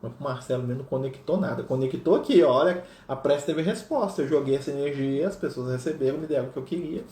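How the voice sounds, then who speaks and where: A man's voice: medium pitch, animated, fast, few pauses, warm tone. A man leading a study group in casual teaching talk, reading passages aloud and checking in with many tag questions. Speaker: spiritist study group leader. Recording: roomy echo with faint noise.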